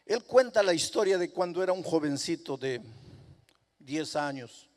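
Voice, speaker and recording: A male pastor, telling a story in a sermon and swinging from hushed tones to impassioned outbursts. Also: fairly high pitch, lively intonation, moderate pace. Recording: echoey hall reverb.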